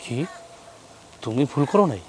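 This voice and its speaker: A man's voice: medium pitch, very animated, normal speed, heavy background noise, close to an everyday voice. An actor playing an angry young husband who scolds his sister-in-law, with a colloquial Bangladeshi Bengali accent. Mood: indignant. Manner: indignant, scolding. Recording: with faint background music.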